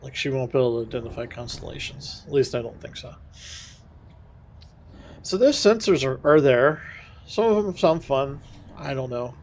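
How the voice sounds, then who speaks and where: A man streaming a space game, thinking out loud in a casual, rambling way and correcting himself as he goes. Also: medium pitch, lively intonation, normal speed, long pauses. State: has the hiccups. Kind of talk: casual gameplay commentary.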